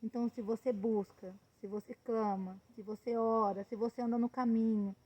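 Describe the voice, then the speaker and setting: Lady missionary preaching, high voice, gets really emphatic. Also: fairly even intonation, moderate pace, dull audio. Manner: impassioned, rising to emphatic peaks. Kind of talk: sermon.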